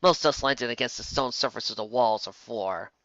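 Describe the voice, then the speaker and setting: A man with a mid-pitched voice that has a bright, tense edge narrates an adventure story in a dramatic, scripted style at normal speed. The recording is very dry and slightly dull, with no room sound.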